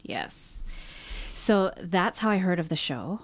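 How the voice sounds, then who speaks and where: A woman's voice: fairly low pitch, very animated, slow pace, no echo. A woman co-hosting a podcast, chatting casually, laughing often and trailing off mid-sentence. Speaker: podcast co-host. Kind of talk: casual chat.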